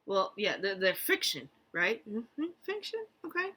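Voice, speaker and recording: A woman's voice: medium pitch, sing-song, measured pace, sharp tone. A woman therapist talking casually in a vlog, rambling with lots of fillers and incredulous asides.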